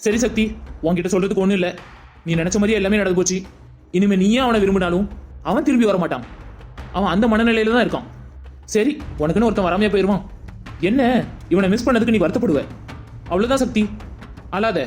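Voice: mid-range voice, fast, long pauses, darkish tone, faint music behind, close to an everyday voice. A performer voicing a stern young man who acts as a protective elder brother and lectures bluntly in a cartoon dub.

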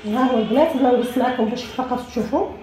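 Fast-talking Algerian woman teaching sewing. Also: a little high, warm tone, reverberant. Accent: Algerian Arabic. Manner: talks quickly to viewers, often correcting herself. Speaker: sewing instructor. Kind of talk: sewing tutorial. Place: room at a cutting table.

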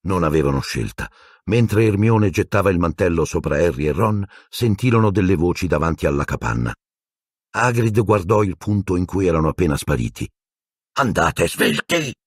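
A man reading an audiobook with expressive storytelling. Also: low-pitched, fairly quick, breathy edge, dry recording, clean studio sound. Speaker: audiobook narrator.

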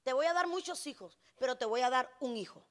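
A woman preacher voicing a calm, fatherly male deity with a reassuring, solemn manner. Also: high voice, fairly quick, pitched below the performer's own voice.

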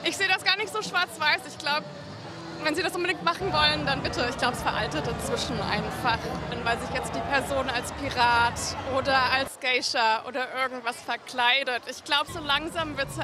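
A woman answering a street interview outdoors, balanced and reflective. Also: sits high.

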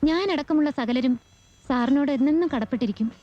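A woman's voice: high-pitched, fairly quick, no room sound, highs cut off, lightly acted. An actress playing an eager, polite young woman who addresses the lawyer with earnest respect. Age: young adult. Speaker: actor. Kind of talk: film acting.

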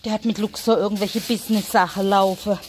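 A woman, chatting casually for a family vlog as she talks to her animals and sometimes drops into soft muttering. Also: mid-range voice, steady tone, brisk, a little hiss or hum. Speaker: family vlogger. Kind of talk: casual vlog chat while looking after rabbits.

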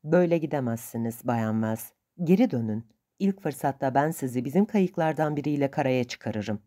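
A woman voicing a courteous male ship's officer who speaks calmly and politely. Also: very deep voice, normal speed.

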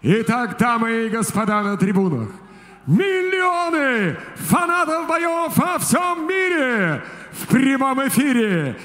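A man working as a ring announcer, delivering a booming stage introduction for a fight in a large arena. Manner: booming stage introduction with drawn-out shouted names and rapid-fire stats. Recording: echoey arena PA, some background noise.

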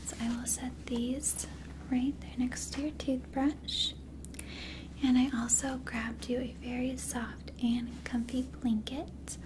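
A young woman playing an attentive, gentle flight attendant in a soft, soothing whispered role-play. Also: high voice, little pitch movement, slow pace, background noise. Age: young adult. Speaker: ASMR performer.

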